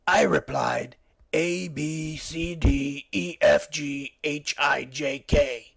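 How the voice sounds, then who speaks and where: A scruffy male cartoon bat comedian, played by a man tells one silly joke after another. His voice is gravelly and husky and sits a little high. He hits each punchline and switches voices for the people in his jokes. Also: steady tone, a bit bright, heavily acted. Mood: cheeky. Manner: punchy joke delivery, quick switches between characters' voices. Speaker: late-night comedy host. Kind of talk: cartoon stand-up joke telling.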